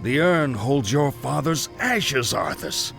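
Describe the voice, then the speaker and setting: An actor playing a righteous paladin in a fantasy video game, stern, scornful and dramatic. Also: male voice, mid-range voice, sing-song, slow pace, gravelly, fairly bright tone, faint music behind, full character voice. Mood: indignant, scornful. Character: righteous male paladin, grave, scornful and indignant.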